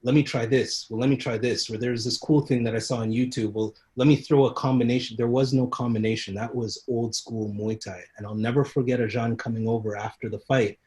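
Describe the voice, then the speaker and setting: A Muay Thai instructor with a medium-pitched voice tells stories in a casual podcast interview, speaking a little fast with few pauses. He's an animated storyteller who laughs often and acts out the people he quotes.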